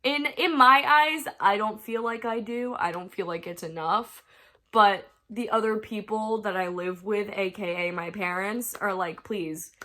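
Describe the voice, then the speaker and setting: Her voice is on the high side with a sharp edge: a young American woman with a cold, laughing often as she chats to camera about her crafting from her bedroom.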